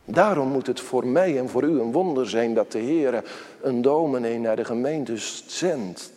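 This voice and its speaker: A man preaching a solemn sermon as pastor, swelling loud, then dropping to a hushed near-whisper. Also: medium pitch, unhurried. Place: church. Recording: long church reverb.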